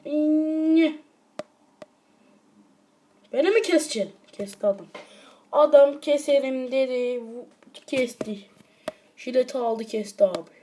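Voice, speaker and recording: High, mellow-voiced woman gaming on a tablet. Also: a little slow, pauses often, a little hiss or hum. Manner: rambling, excitable, with frustrated outbursts at the game. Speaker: mobile game let's player. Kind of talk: casual gameplay commentary. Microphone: tablet mic, screen-recorded.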